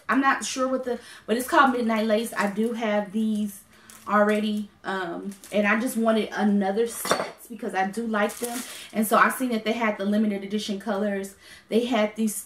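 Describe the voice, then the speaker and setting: A woman's voice: mid-range voice, fairly bright tone. Woman vlogger rambling thru her haul, lots of ums, echoey room. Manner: rambling, many ums and self-corrections. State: has the hiccups. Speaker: beauty vlogger. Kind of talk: casual haul chat.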